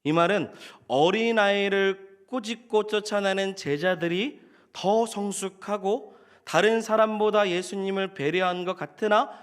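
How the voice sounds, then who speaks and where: A male pastor preaching a sermon, often asking the congregation questions and acting out what people might have said. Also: high-pitched. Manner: asks the congregation questions, acts out quoted speech.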